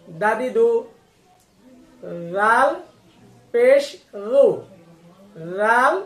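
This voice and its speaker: A woman teaching Quran reading through a slow syllable-by-syllable spelling drill. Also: a little high. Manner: slow, drawn-out, instructive recitation. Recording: echoey room.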